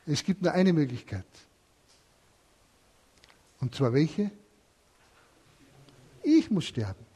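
A man's voice: fairly high pitch, darkish tone, husky. A man preaching a sermon, telling a parable and asking his listeners questions. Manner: storytelling, asks the listeners questions.

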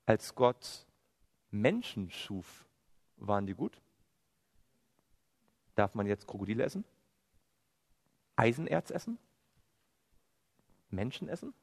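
In a sermon echoing with long hall reverb, a man with a low, creaky voice speaks slowly and pauses often. He stays animated, quoting scripture and answering his own rhetorical questions.

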